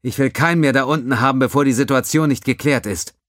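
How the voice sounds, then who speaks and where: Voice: mid-range voice, fast talker, a bit bright, no echo, studio quality, pitched above the performer's own voice, close to an everyday voice. A man voicing a decisive starship captain giving firm commands. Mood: commanding.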